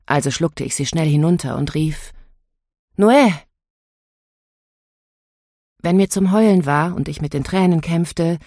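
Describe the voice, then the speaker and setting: A woman narrating a novel in the first person, in a measured, inward storytelling manner. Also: sits low, dark tone, dry recording, studio quality. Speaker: audiobook narrator.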